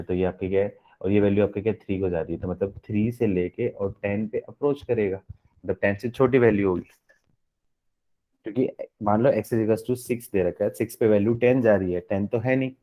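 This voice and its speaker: A man's voice: lowish voice, highs cut off. A man teaching a live online maths lecture in a Hindi-mix, explaining step by step and constantly asking the class questions.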